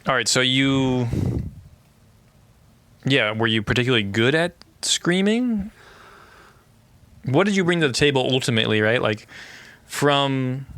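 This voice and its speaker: A man's voice: mid-range voice, animated, unhurried, pauses often, fairly bright tone, smooth. A man hosting an interview, asking curious, probing questions in a casual tone. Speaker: podcast interviewer.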